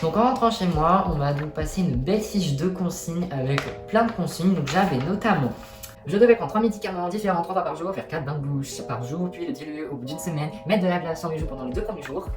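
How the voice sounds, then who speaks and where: A man's voice: on the high side, brisk, hardly any pauses, music in the background. A young man telling a personal story to viewers in a chatty, colloquial, self-deprecating way. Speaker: vlogger. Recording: echoey room.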